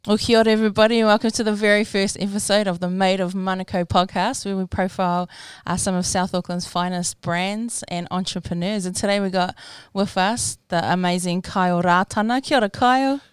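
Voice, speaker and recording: A woman's voice: medium pitch, steady tone, fairly quick, clear, resonant tone, no echo. A woman with a Māori New Zealand English accent hosting a podcast in an informal, friendly, colloquial way. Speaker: podcast host. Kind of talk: casual interview chat.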